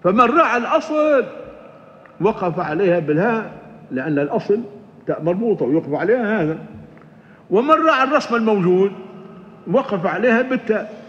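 An older man lectures on scripture in a measured, explaining voice that sits high for a man. He restarts words often and slips into recited passages. The sound is dull and rings with a long hall echo. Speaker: Quran tafsir teacher. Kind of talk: scholarly lecture on Quranic exegesis.

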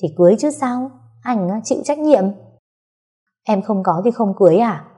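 A doting young fiancé speaks with eager affection, as a woman reads his part. The voice is husky and a little raised. It is a storybook reading. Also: fairly high pitch, lively intonation, moderate pace, dark tone, pitched above the performer's own voice. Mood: teasing.

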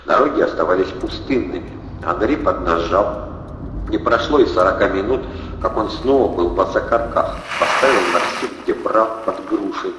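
A man narrating an audiobook with steady storytelling. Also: deep voice, moderate pace, noisy background. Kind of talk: scripted narration. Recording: dull, roomy, long reverb.

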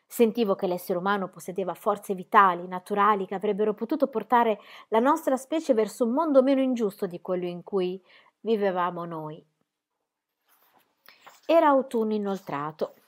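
Woman narrating a novel in first person. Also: medium pitch. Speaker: audiobook narrator.

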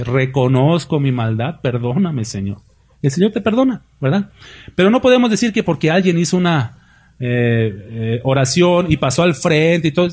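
A man's voice: a little high, a little mellow, breathy edge. A middle-aged man with a Mexican Spanish accent, preaching a sermon emphatically, with rhetorical questions and acted-out quotes. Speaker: pastor.

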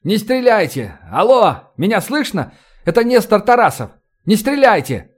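Calm sardonic operative, voiced by a man, dry and quiet, slightly high voice. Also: normal speed, lightly acted. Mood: calling out.

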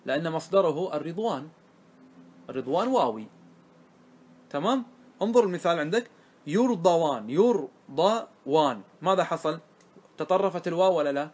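A man teaching a grammar class to students, often asking them whether it is clear and repeating key words. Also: on the high side, animated, fairly quick, pauses often. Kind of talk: classroom lesson.

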